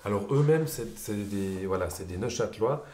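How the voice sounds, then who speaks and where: A man's voice: on the low side, animated, moderate pace, warm tone, roomy sound. A man hosting a casual radio promo chat, joking and hesitating with fillers. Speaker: radio host.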